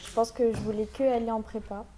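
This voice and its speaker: A young woman answering interview questions calmly, listing her thoughts with a few fillers. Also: fairly high pitch, fast, a crowd in the background. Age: young adult. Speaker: art prep student.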